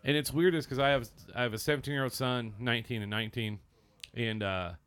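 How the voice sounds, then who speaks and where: A man's voice: mid-range voice, steady tone, fast, a bit bright, clean tone. A middle-aged man hosting a podcast in casual chat, rambling through stories and acting out dialogue as he goes. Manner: rambling storyteller who acts out quoted dialogue. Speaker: podcast host.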